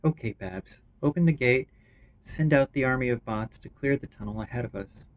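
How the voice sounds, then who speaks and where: A man's voice: medium pitch, normal speed, lightly acted. A man voicing a weary non-binary vampire survivor in a homemade story reading, blunt and tired. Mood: determined.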